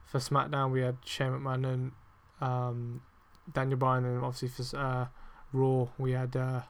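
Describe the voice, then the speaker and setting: A man hosting a casual wrestling review podcast, rambling with lots of fillers, swearing heavily and getting excitable and emphatic. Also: mid-range voice, a little slow, vocal fry. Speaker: podcast host.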